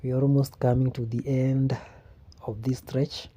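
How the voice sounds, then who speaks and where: A man with a Kenyan accent narrating a casual walking vlog in an unhurried way, often repeating phrases for emphasis. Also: mid-range voice, flat delivery, dark tone. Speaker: vlogger. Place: outdoors on a quiet street. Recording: outdoor ambient noise.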